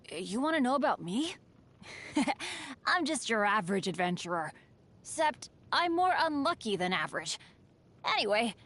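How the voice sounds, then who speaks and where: A high, boyish voice belongs to an eager teenage adventurer in video game voice lines. Casual and earnest, his pitch swings freely up and down as he stays modest and cheerful about his rotten luck.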